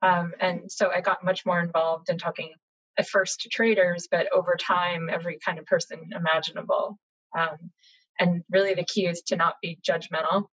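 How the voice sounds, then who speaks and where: A middle-aged American woman, a journalist guest, telling her story in a chatty, animated way over a video call from home. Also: fairly low pitch, normal speed, slightly rough. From United States, Boston area. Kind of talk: casual interview conversation. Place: home room, indoors. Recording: slightly dull lo-fi video call audio.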